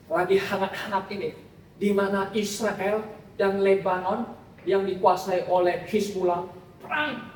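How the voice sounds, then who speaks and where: A man's voice: high voice, a little hiss or hum. A male pastor preaching a sermon, telling a story and asking the congregation rhetorical questions. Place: church hall. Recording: echoey hall, far from mic.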